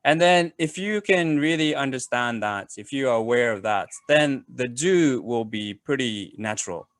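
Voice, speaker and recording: A man giving a casual webinar talk on a video call, pausing often with fillers and restarts. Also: medium pitch, animated, no echo, clean studio sound. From Japan. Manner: hesitant, many fillers and restarts. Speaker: webinar presenter.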